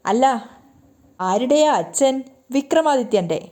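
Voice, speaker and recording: A woman's voice: high voice, animated, slow, a little mellow. A woman voicing a boastful middle-aged father in a serial recap, bragging and drawn out.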